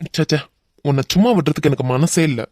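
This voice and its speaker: A man's voice: fairly high pitch, fast talker, darkish tone, no room sound, clean studio sound, lightly acted. A man voicing a fierce young hothead with a Kanyakumari Tamil accent. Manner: threatening, mocking. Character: hot-tempered young man, protective and fierce.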